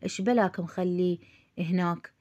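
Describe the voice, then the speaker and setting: A man's voice: high voice, fairly even intonation, brisk, a little mellow, highs cut off, natural voice. A woman voicing a scoffing Iraqi man. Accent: Iraqi Arabic.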